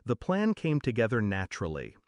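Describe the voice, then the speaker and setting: A man reading a first-person story aloud in a measured, dramatic storytelling manner. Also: lowish voice, huge pitch swings, no room sound. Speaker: story narrator.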